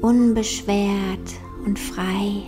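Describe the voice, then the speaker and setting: A woman leads a guided meditation in a soft, breathy near-whisper. Her delivery is very slow and soothing, with long pauses. Gentle new-age music plays behind her. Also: mid-range voice, steady tone.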